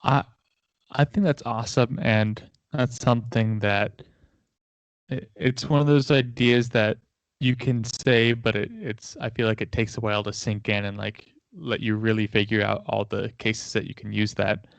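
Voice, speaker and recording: A man's voice: on the low side, flat delivery, moderate pace, vocal fry, no room sound. A man hosting a casual chat, thinking aloud with frequent fillers and restarts. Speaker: host. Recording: dry, dull lo-fi audio.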